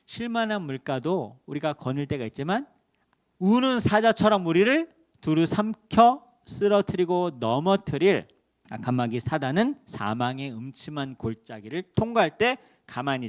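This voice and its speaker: A man's voice: on the high side, big pitch swings, normal speed. A male pastor preaching a Sunday sermon, asking rhetorical questions and rising suddenly in volume. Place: church sanctuary.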